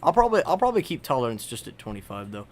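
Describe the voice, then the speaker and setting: A man's voice: medium pitch, very animated, very fast. A young man narrating a server's border history in casual, rambling commentary full of fillers and restarts while he edits a map. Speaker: video creator.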